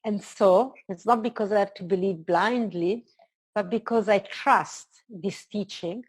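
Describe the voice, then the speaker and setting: A woman's voice: medium pitch, measured pace, husky, poor audio. A woman with an Italian accent speaks as a spiritual teacher in conversation, earnest and expansive, unfolding her reflections in short phrases. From Italy. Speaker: spiritual teacher being interviewed.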